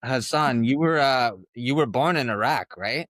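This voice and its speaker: A man's voice: medium pitch, a little slow, fairly bright tone, dry recording, clean studio sound. A man from Ontario co-hosting a podcast interview, asking questions in a hyped, casual way. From Hamilton, Ontario. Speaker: podcast co-host.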